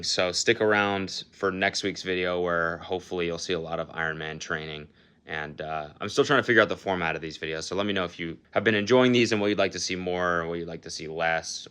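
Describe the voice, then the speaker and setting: A man's voice: low voice, pushed and bright, clear, resonant tone. A young man casually vlogging about his training, self-mocking, laughing often and swearing freely. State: out of breath after a run.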